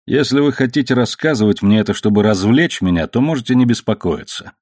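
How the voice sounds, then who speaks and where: A man voicing a grim, bitter chained gentleman. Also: medium pitch, lively intonation, fairly quick, no room sound, studio quality, close to an everyday voice. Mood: weary. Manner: bitter and accusing.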